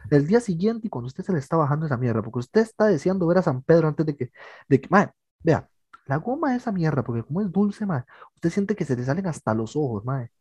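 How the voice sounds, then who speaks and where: Un hombre joven con acento costarricense que charla entre amigos en un podcast y cuenta anécdotas de forma animada, repitiendo "mae" sin parar. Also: male voice, a little high, fast, breathy edge, dry recording. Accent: Costa Rican. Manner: animated storytelling, says "mae" constantly. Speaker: podcast co-host. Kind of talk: casual chat among friends.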